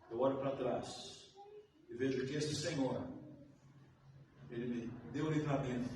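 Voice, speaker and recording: Pastor, high voice, impassioned sermon, caught from afar in a reverberant church with faint hiss. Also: male voice. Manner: emotional preaching, rising to shouts, with rhetorical questions to the congregation. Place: church sanctuary. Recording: very echoey room, mic far off, faint hiss.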